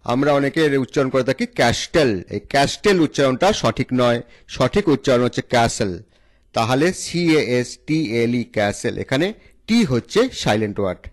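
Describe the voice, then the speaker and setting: Bengali man, lively teaching voice. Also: medium pitch, a little fast. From India. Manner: spells words letter by letter, then repeats the correct form. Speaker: English teacher and channel host. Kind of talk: spelling out words and teaching pronunciation.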